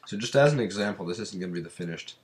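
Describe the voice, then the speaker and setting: A man's voice: sits low, lively intonation, very fast. A man with a stuffed-up cold giving casual let's-play commentary, rambling and thinking aloud while he counts and crafts. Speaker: gameplay commentator.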